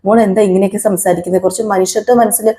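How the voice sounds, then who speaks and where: A woman voicing a worried middle-aged father who calmly pleads and reproaches. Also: mid-range voice, very fast, lightly acted. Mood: concerned.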